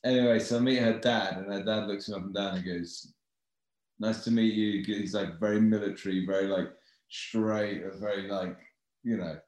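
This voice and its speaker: A man's voice: lowish voice, steady tone, moderate pace, darkish tone. A man with an English accent telling a story in casual chat, in a dry, self-mocking way. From England. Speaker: guest. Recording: echoey room.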